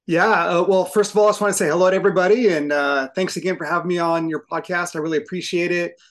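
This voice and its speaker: A man's voice: high voice, steady tone, fast talker. Reflective firefighter in his fifties. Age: 50s. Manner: thoughtful, earnest, some restarts. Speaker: podcast guest, firefighter. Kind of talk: reflective conversation.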